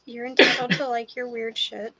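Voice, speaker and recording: Bright-voiced woman streaming while painting. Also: fairly high pitch, moderate pace. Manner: relaxed, swears casually, teasing. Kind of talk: casual livestream chat.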